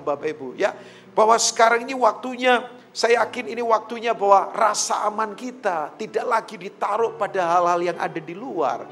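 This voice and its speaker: Male pastor, animated sermon delivery, high voice, soft music underneath. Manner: animated preaching, addresses congregation often, mixes in English phrases.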